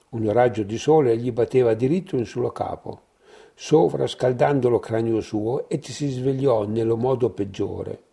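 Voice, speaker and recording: Slow gravelly male storyteller. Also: mid-range voice, dark tone. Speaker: narrator. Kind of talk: storytelling in mock-archaic language.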